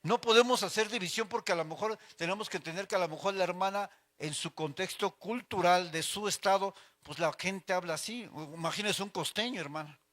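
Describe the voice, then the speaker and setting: A man's voice: sits high, brisk, hardly any pauses, fairly bright tone. A middle-aged man with a Mexican accent teaching an informal church Bible class, chatty and anecdotal, addressing listeners as brothers.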